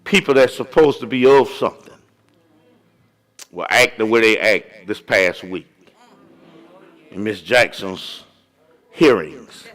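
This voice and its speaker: A man's voice: lowish voice, fairly bright tone. A man preaching a sermon as pastor of a church, calling out and drawing out his words. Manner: preaching with rising calls and drawn-out words.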